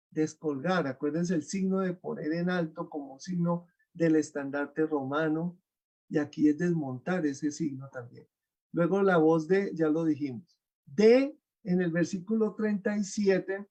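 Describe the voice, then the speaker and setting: A man's voice: high voice, mellow. A man giving a webinar lecture, explaining step by step and checking in with his audience through rhetorical questions, over a video call.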